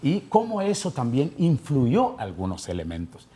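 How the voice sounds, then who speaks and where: A man argues insistently on a talk panel. His voice is husky and swings widely in pitch, and he repeats phrases as he pushes his question. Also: wildly swooping pitch, moderate pace, dark tone. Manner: insistent, argumentative, repeats himself. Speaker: panel guest. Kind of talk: heated panel debate.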